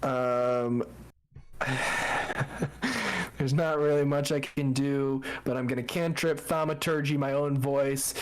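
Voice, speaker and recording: A man's voice: medium pitch, slow, clear, resonant tone. A man playing in a tabletop game, bantering casually in a cocky, slangy way.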